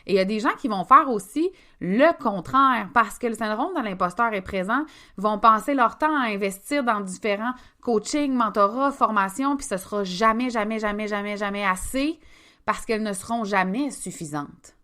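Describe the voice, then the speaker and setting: A business coach with a Québécois French accent hosts a casual podcast, speaking straight to her listeners in a chatty, emphatic way. Her voice is mid-range with a sharp tone, at a moderate pace.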